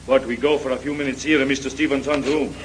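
An actor playing an excitable French innkeeper in an old-time radio drama, speaking broken English with a French accent and a fussy manner. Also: male voice, medium pitch, quick pace, slight background noise, lightly acted, low-quality recording. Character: excitable French innkeeper, middle-aged man.

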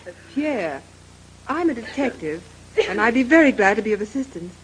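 A woman's voice: on the high side, sing-song, moderate pace, a bit bright, slightly rough, full character voice, low-quality recording. An actress playing a polite young woman detective asking questions in an old-time radio drama. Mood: poised.

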